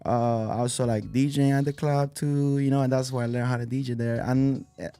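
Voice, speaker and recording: A man's voice: medium pitch, flat delivery, a little fast, dark tone, smooth, dry recording. A man, a guest telling his story in a loose, rambling way full of fillers and restarts. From Spain. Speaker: guest, DJ and violinist. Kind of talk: casual interview chat.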